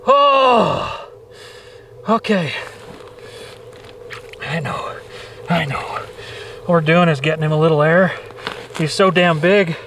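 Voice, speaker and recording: A man's voice: on the high side, animated, slow pace, pauses often, fairly bright tone, recorded from a distance, slight background noise, low-quality recording. A man hosting an outdoors video, talking on a frozen lake, exclaiming in disbelief and swearing as he lands a fish. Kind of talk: excited outdoor commentary.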